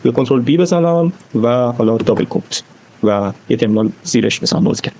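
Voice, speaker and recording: A man's voice: mid-range voice, expressive, creaky, darkish tone, rough recording. A man giving a casual screen-recorded tutorial, chatting through each step as he types commands. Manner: chatty, explains step by step while typing. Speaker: Linux course instructor.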